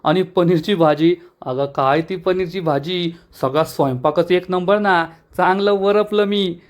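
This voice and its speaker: A man's voice: sits high, unhurried. A man voicing a sneaky, greedy middle-aged man who gushes over the food he gorged on. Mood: gushing. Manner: gushing, satisfied.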